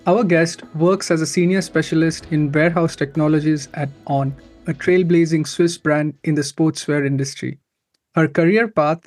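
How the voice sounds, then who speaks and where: A man's voice: a little high, a little mellow. A man hosting an interview podcast, opening with a polished, upbeat scripted introduction before asking his guest questions. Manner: upbeat, polished presenter delivery. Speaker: podcast host.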